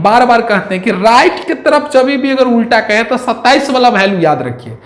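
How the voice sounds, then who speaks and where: Chatty math teacher, echoey room. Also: male voice, extremely high pitch, fairly bright tone. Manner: chatty, counts aloud, asks rhetorical questions. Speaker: reasoning teacher. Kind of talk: classroom lecture on exam reasoning.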